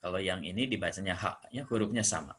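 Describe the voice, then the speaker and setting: A man from Indonesia teaching Japanese greetings, patiently explaining and slowly repeating each phrase. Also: sits low, a bit bright, slight background noise. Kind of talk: classroom explanation.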